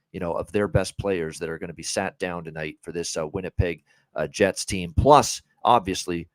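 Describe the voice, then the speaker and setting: Chatty low-voiced man giving hockey bets. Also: no echo, rough recording. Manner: chatty, many "uh" fillers, upbeat picks. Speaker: sports betting podcast host. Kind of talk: casual betting talk.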